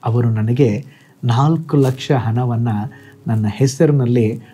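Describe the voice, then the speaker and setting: A man's voice: medium pitch, takes it slowly, mellow, slightly rough, faint music behind. A man doing a weeping adult friend. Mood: plaintive. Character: weeping man grieving lost windfalls, adult.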